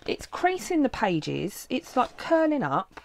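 A woman's voice: fairly high pitch, huge pitch swings, slow pace, vocal fry, noisy background. A woman, a planner vlogger, chatting casually and swearing freely as she talks through setting up her planner at her crafting desk.

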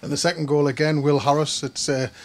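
Brisk, fast-talking club interviewer. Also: male voice, on the high side, little pitch movement. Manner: brisk, prepared questions. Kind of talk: post-match interview questions.

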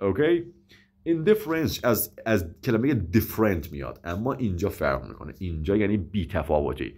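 A male English teacher whose first language is Persian works through vocabulary. His voice is dark and mellow, and his pitch swings widely as he moves between Persian explanation and slow, carefully stretched English examples. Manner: repeats words and stops short to correct himself. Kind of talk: vocabulary lesson with example dialogues.

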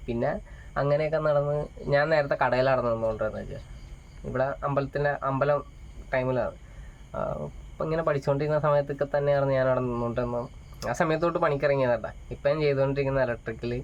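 A young man, talking about his life in a casual, rambling vlog with many fillers. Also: medium pitch. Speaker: vlogger. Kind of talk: casual personal monologue. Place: small rented home. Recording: dull lo-fi phone audio with faint crickets.

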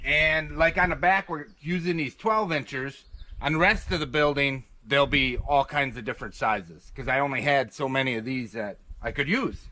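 At medium pitch and normal speed, a homesteader with a pushed, bright voice chats his way through a barn-build vlog. He shows his work outdoors at the rural site and inside the wooden building, wandering off topic with folksy, self-deprecating humor.

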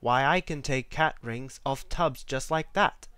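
A man voicing a mischievous, cocky male cat from a storybook, boastful and breezy, a little louder and bouncier than his reading voice. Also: medium pitch, a little slow, smooth, no room sound. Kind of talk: storybook read-aloud.

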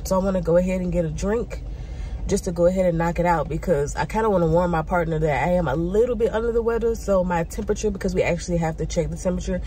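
A woman's voice: lowish voice, fast talker, dark tone, slight background noise. A young woman vlogging a casual check-in as a student, sounding a little congested and nasal, chatty with lots of fillers. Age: young adult. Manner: chatty, rambling, many "um" and "like" fillers.

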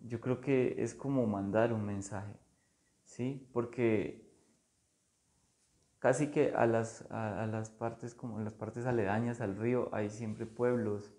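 Artist guy, low gravelly voice, real slow and flat, lots of ums, chatting in his studio. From Colombia. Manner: slow, thoughtful, halting with many fillers. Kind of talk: casual conversation about art.

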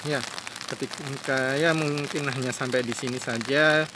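A man's voice: medium pitch, steady tone, measured pace. A man in his thirties chatting casually as he walks and films outside a stadium on a handheld phone, musing aloud with many fillers. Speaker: vlogger. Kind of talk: casual walking vlog. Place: outdoors by a stadium. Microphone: phone held at arm's length. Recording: noisy outdoor phone recording. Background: street ambience and passing cars.

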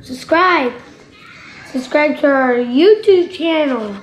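Playful high voice in an echoey room. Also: takes it slowly, slight background noise. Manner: playful, joking. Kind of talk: casual vlog chat.

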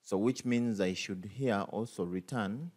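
Over a screen recording, a male programming tutor works through a coding tutorial at a measured pace. His voice is lowish with a darkish tone. He thinks out loud, full of fillers and restarts.

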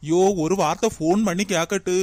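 A man's voice: sits high, brisk, darkish tone, dry recording, close to an everyday voice. A man voicing a fussing young married daughter in a cartoon. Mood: fretting. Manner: complaining, fussing. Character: young married woman Chittu, worried daughter. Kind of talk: cartoon voice acting.

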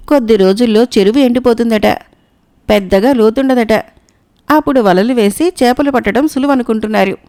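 A woman's voice: a little high, a little mellow, close to an everyday voice. A woman voicing a sly old crane that fakes piety, speaking in a mournful, pious tone.

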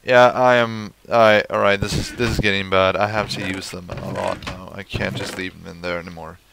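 A man's voice: sits low, little pitch movement, brisk, gravelly, background noise. A young man giving casual let's play commentary, swearing and talking to the creatures in his game. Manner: swears at the game, talks to mobs.

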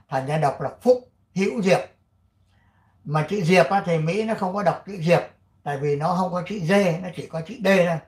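An older man from Vietnam hosting his channel, chatting casually and reading an article aloud, rambling with many fillers and frequent throat clearing. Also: high-pitched, reverberant. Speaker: channel host.

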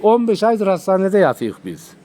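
A man's voice: high voice, very animated, moderate pace, warm tone. A man in casual chat, putting short questions and answers. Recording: noisy recording with ambient sound.

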